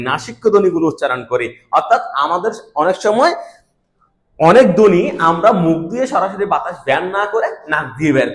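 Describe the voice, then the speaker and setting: A young male teacher gives a step-by-step lecture, repeating key words and using everyday examples. His voice sits a bit high for a man. The recording has a noticeable room echo. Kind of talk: classroom lecture. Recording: echoey room.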